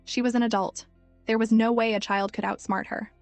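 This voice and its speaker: A woman narrating a story recap in smooth, steady scripted storytelling. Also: fairly high pitch, a little fast, no echo, soft background music.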